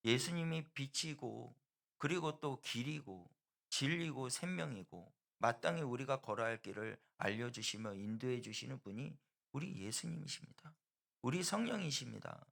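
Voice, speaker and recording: Male pastor, middle-aged, gravelly voice, earnest sermon, rises loud on key words. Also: medium pitch, animated. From South Korea. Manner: earnest preaching, swells loud and slow on key phrases.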